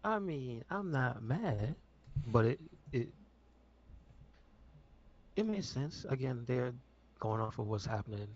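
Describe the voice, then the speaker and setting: A man co-hosting a podcast in casual chat, easygoing and hesitant with drawn-out phrases. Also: mid-range voice, big pitch swings. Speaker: podcast co-host. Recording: dull lo-fi podcast audio.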